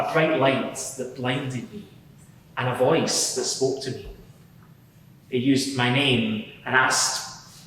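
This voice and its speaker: In a big reverberant hall, heard from a distance, a man plays an earnest converted Pharisee on the witness stand. He explains his change of heart in a halting, sincere way, at a middling pitch. It is live courtroom drama with faint noise. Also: fairly bright tone, natural voice. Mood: earnest recollection. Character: Rabbi Paul, earnest converted Pharisee giving testimony. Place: large reverberant courtroom before a live gathering.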